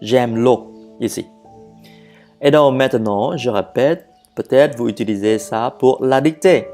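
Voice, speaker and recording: A French teacher giving a slow grammar lesson, switching between French and English, repeating phrases and correcting herself or himself. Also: medium pitch, darkish tone, soft background music. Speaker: language teacher.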